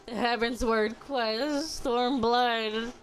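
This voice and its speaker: Woman, gaming streamer, higher voice, swears a lot, ranting, casual chat, faint music behind. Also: fairly even intonation, extremely slow. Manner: foul-mouthed, ranting, laughs often.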